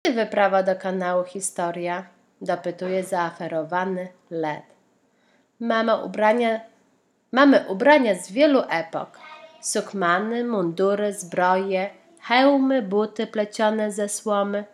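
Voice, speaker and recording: A woman's voice: medium pitch, takes it slowly. A woman reading a children's picture book aloud, voicing the characters' lines and asking the young listener questions and riddles about the pictures. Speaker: storybook reader.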